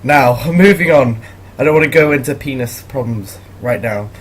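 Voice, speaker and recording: A man's voice: mid-range voice, moderate pace, husky. A teenage boy telling awkward school stories in a casual, rambling way, laughing as he goes. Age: teens. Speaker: vlogger. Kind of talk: casual storytelling commentary.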